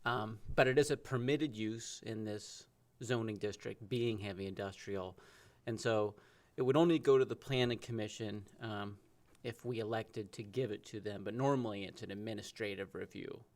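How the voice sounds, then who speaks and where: A man, the city's planning director, explaining technical procedure at a council work session, measured and sprinkled with ums. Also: fairly low pitch.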